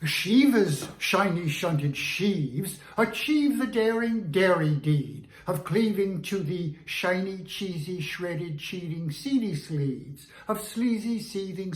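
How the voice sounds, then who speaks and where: A woman reciting tongue twisters in a deliberate, over-articulated way, phrase by phrase. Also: lowish voice, lively intonation. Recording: roomy, echoing sound.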